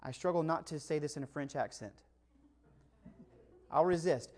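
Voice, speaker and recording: A man's voice: fairly high pitch, normal speed, darkish tone. A man preaching a conversational Christmas sermon, emphatic and full of rhetorical questions. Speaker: pastor.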